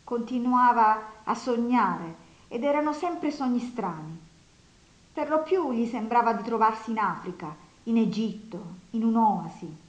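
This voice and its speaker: Woman reading an audiobook, roomy echo. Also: a little high. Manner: steady, measured reading. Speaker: audiobook narrator. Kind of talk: audiobook reading of a classic novel.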